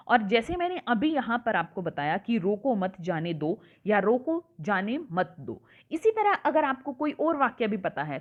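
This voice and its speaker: Woman teacher, patient and questioning with the kids, lively pitch, thin lo-fi phone sound. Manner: explains patiently, repeats and asks the class questions. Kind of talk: online worksheet lesson for children.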